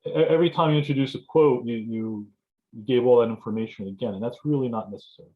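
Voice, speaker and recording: A male writing instructor talks students through a lesson on a video call. He is halting and restarts phrases often, in a mid-range voice. The sound is dull and lo-fi. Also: mid-range voice. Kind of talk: informal lecture to students. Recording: dull, muffled lo-fi audio.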